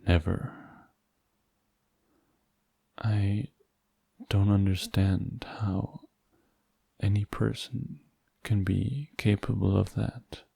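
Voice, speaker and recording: Guy doing a gentle boyfriend ASMR role-play, intimate, really dark mellow voice, bit creaky, asmr style. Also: lowish voice, steady tone, no echo, exaggerated voice. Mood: gentle, earnest. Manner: slow, halting, gentle, intimate. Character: tender, hurt, devoted boyfriend comforting a partner.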